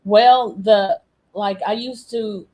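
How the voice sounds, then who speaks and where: A woman's voice: mid-range voice, steady tone, slow pace, darkish tone. A woman guest on a glitchy video call, telling her story casually and rambling with lots of "like" and restarts. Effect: heard over a glitchy video call. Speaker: guest recounting an encounter.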